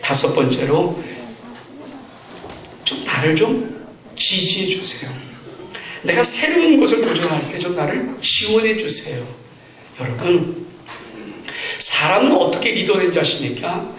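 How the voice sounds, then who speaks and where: A man's voice: high-pitched, very animated, measured pace, pauses often, fairly bright tone. A man preaching a sermon as pastor, acting out parents and children as he talks. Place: church sanctuary. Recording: echoey church hall, distant mic.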